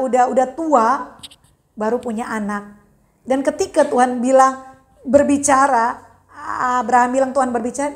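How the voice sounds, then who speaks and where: A woman pastor preaches in a church, her voice sitting high. She tells the story with animated, acted-out voices, rising and falling in wide swings. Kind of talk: sermon.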